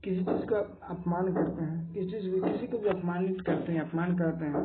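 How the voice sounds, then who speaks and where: A man's voice: high voice, steady tone, fairly quick, crowd noise. A male spoken English teacher giving a vocabulary lesson, repeating each word over and over for learners to copy. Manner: drills each word by repeating it many times. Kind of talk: Hindi-medium vocabulary lesson. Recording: tinny phone-like lo-fi audio with faint hiss.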